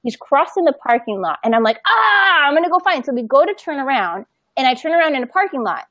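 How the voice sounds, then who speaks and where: A woman in her thirties chatting casually as a podcast co-host, telling an animated story, acting out the voices in it and laughing often. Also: high voice, fast talker, no echo, muffled recording.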